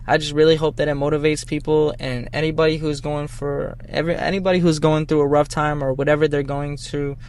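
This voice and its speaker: A man with a fairly high voice that keeps cracking, talking in a rambling, heartfelt way as a musician guest on a podcast. He's from Boston and chats casually into a clip-on shirt mic. The take is outdoors as dusk falls. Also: level tone, fairly quick, few pauses, darkish tone, a little hiss or hum. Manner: earnest, rambling, motivational. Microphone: shirt lapel mic.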